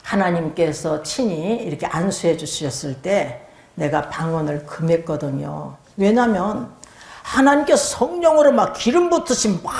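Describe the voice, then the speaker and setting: An older woman pastor giving a testimony sermon, telling her story with animation and acting out prayers and pleas in other voices. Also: medium pitch. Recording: echoey room.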